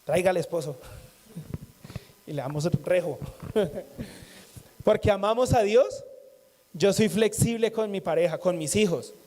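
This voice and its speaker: A man's voice: high-pitched, unhurried, pauses often, noisy background. A man preaching a sermon in a conversational way, repeating phrases and joking with the congregation.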